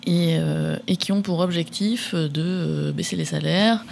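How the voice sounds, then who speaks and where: A woman speaking as a guest on a radio talk show, her voice carrying a gravelly creak. She explains her points steadily, pausing on hesitations as she works through them. There is a faint hum of ambience behind her. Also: fairly low pitch, a little mellow. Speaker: guest, local association representative. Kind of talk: radio interview.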